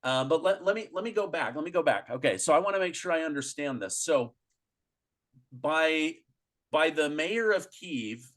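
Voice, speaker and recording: A man hosts an interview in a voice a little higher than most men's. He reacts with quick exclamations and sums up what he hears in his own words. His delivery is conversational and animated. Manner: animated, reacts with exclamations and restates points to check them. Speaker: interview host.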